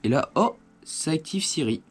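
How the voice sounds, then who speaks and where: Very animated and fairly high-pitched, a motorcycle gear review host speaks at a normal speed while demonstrating a product hands-on at home. He explains things casually, as if chatting. There's a little hiss or hum in the indoor recording.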